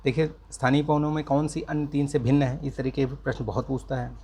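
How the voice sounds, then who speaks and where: A man teaching an exam-prep lesson, speaking slowly and carefully and checking in with the listener again and again. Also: mid-range voice, flat delivery, warm tone, a little hiss or hum. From India. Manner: slow, careful speech with repeated check-ins. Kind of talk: casual exam-prep lecture.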